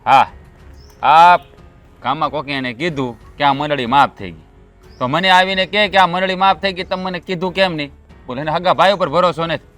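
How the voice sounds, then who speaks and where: Man doing defensive elder brother, kathiawadi gujarati accent, fast talker, raised voice, faint music under. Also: a little high, a bit bright, close to an everyday voice. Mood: aggrieved. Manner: defensive and quick to snap. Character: defensive elder village brother, short-tempered, farmer. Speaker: elder brother in a land feud. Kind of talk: rural family drama acting.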